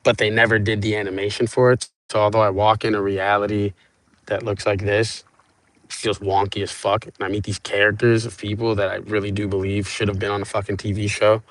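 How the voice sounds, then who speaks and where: A Cuban man livestreams from a small boat on open water, talking brisk and flat in a lowish voice. Through his phone he banters with viewers, rambling, swearing, and sounding stoned.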